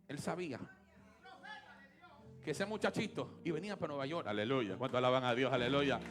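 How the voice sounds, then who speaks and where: A Dominican man preaching a sermon, moving between hushed talk and loud shouted praise. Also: medium pitch, brisk. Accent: Dominican Spanish. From Dominican Republic. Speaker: pastor.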